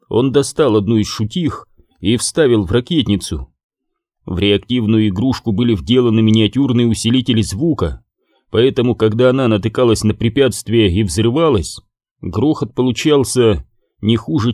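A man with a low voice reads an audiobook at a steady, measured pace. The recording is dry and close, with no room sound. His delivery stays even through the narration. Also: no echo.

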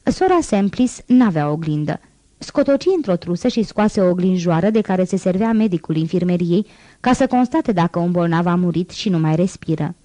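A woman narrating a classic novel in an audiobook, reading in a measured, even way. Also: fairly low pitch, no echo. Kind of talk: scripted narration.

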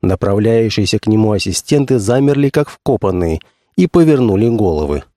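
A man reading a thriller audiobook in a dramatic, animated storytelling manner. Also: on the low side, brisk, no echo, studio quality. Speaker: audiobook narrator.

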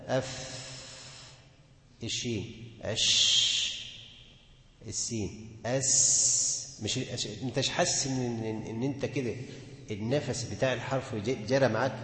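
An Egyptian man who teaches Quran recitation gives a classroom lesson on tajweed in an Egyptian Arabic accent. At mid pitch he quizzes the class, posing questions and answering them himself. The echoey hall adds a long, booming reverb.

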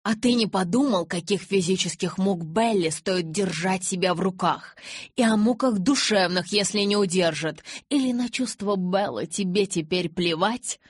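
A woman's voice: mid-range voice, moderate pace, slightly rough, no room sound, lightly acted. A woman voicing an angry, protective young vampire man who growls his clipped lines. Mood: furious.

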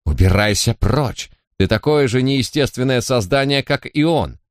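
A man reading an audiobook voices a furious, grieving middle-aged noblewoman who screams accusations in a shrill voice. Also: unhurried, dry recording, studio quality, natural voice. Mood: furious, screaming.

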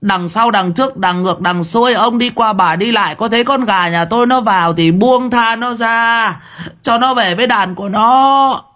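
Man putting on a shrill cursing village wife. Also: moderate pace, pushed and bright. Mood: furious cursing. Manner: rhythmic ranting curses. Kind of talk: audiobook story reading.

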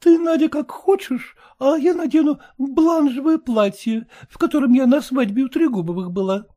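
Brief: reader putting on a pert young daughter, early twenties, affected and prim, high voice. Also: female voice, moderate pace, dark tone, natural voice.

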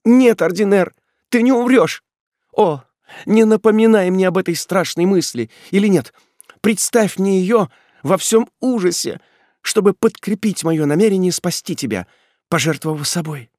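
Audiobook: male narrator doing a devoted young woman, desperate and tearful, voice pushed up high, dry studio sound. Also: moderate pace, no echo. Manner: impassioned, pleading, tearful delivery. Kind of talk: audiobook reading.

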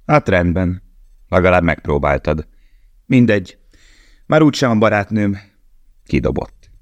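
A man's voice: sits low, big pitch swings, no room sound, voice pushed up. A man reading the part of a blunt, mocking male camp guard in a storybook. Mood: grumbling.

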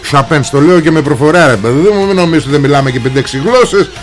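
A man's voice: on the high side, expressive. A man hosting a political talk show, delivering a sarcastic, combative monologue straight at the viewer.

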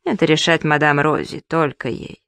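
A reader voicing a gruff, mocking bearded man who speaks curtly, in an audiobook. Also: low voice, fairly even intonation, moderate pace, a bit bright, no echo. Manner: curt, sneering.

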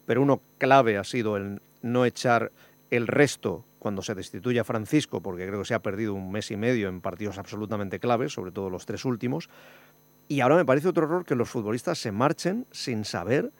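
Gravelly-voiced man from hosting. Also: lowish voice, a little fast, no echo. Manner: critical, pointed, wry. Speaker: radio show host. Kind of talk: sports radio panel discussion.

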